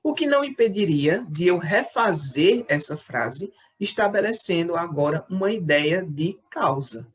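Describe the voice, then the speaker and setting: This recorded lesson features a male teacher addressing a sixth-grade class, his high voice carrying lively intonation. He's patient in his explanations, checks in with the class frequently, and slows when reading out example sentences.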